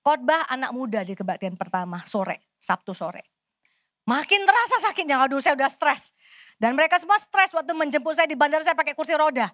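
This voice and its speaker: A middle-aged woman pastor preaches, telling her story in lively bursts and turning often to the congregation. Her voice sits high and sounds bright and sharp. The recording is dry and close. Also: brisk, no room sound. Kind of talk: sermon.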